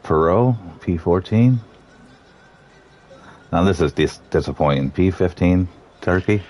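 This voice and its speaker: A man commentating live on a sim race, reading out the starting grid in a relaxed, joking way. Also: sits low, measured pace, soft background music.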